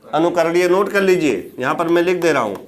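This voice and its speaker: A man's voice: on the high side, expressive, a little fast, a little hiss or hum. A man teaching a classroom lecture. He keeps asking his students questions, answers them himself and repeats the key words. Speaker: Hindi exam teacher.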